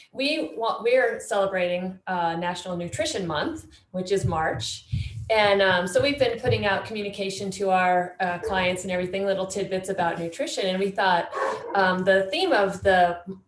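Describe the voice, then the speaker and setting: A woman's voice: mid-range voice, moderate pace, slight background noise. Hesitant woman in an echoey room. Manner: hesitant, many fillers. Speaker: fitness instructor. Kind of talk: casual interview talk.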